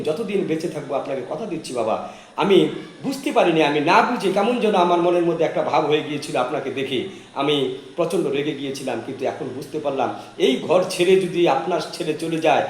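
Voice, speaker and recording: A shrill, scornful young wife, as a male storyteller puts her on, her voice pushed high as she rants in quick bursts. The storybook telling sits in a roomy, echoing space. A faint hiss of noise runs behind it. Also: natural voice. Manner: raised pitch, shrill scolding, fast rants. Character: sharp-tongued proud young wife, scornful then pleading.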